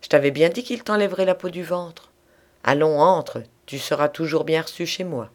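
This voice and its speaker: A man doing a shrill scolding old aunt. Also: steady tone, brisk, close to an everyday voice. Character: loud scolding older woman aunt.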